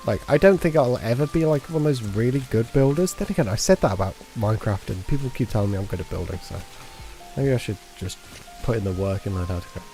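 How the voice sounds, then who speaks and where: A man's voice: lowish voice, lively intonation, quick pace, warm tone, faint music behind. A man giving casual, rambling commentary while playing a game, joking and muttering to himself. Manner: rambling, jokey, sings to himself. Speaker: streamer.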